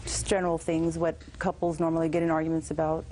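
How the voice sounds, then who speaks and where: A woman's voice: low-pitched, completely flat delivery, quick pace, mellow. An adult woman testifying as a plaintiff in a TV court, plain-spoken and a little vague. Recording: slightly noisy courtroom audio.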